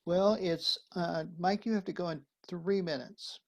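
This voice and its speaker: A priest with a high voice reads a letter aloud at a measured pace with fairly even intonation. He then hosts and thanks guests in a live-streamed sermon conversation held over a video call.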